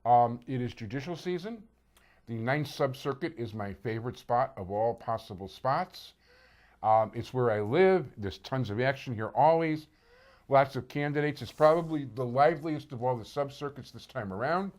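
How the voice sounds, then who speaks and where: A man's voice: medium pitch, moderate pace, darkish tone. A man opens a neighborhood show with casual, chatty patter. His voice sits in an ordinary middle register as he runs through plugs and introduces a guest. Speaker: host.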